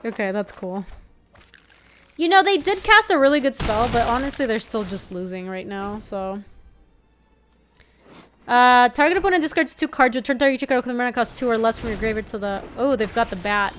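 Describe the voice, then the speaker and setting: Faint music plays behind a young woman from Ecuador, a native Spanish speaker, as she streams a card game, reading viewer messages aloud and reacting with quick laughs. Her slightly high voice sounds animated and a bit bright.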